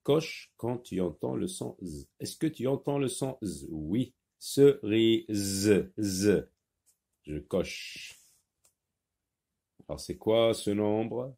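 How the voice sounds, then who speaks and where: Slow, lively-voiced male phonics teacher. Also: gravelly, slightly rough. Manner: slow, carefully over-articulated words, lively rising and falling pitch. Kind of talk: phonics lesson for young children.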